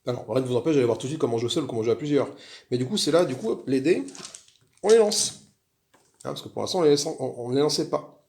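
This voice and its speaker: Homme français bavard, voix éraillée. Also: male voice, mid-range voice, animated, fast, darkish tone. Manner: chatty, rambling, frequent restarts and fillers. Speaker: board game video host. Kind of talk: casual solo game walkthrough.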